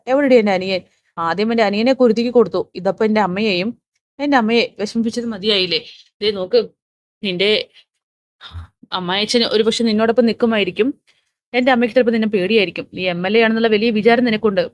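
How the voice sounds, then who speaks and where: A woman's voice: medium pitch, no echo, studio quality, close to an everyday voice. A woman voicing an angry, accusing sister-in-law who scolds and taunts sharply.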